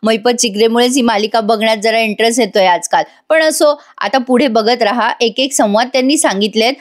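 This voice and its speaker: A woman with a fairly high voice recaps a TV serial in a casual voice-over. She tells the story in an animated way and chuckles as she goes. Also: a little fast. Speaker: serial reviewer.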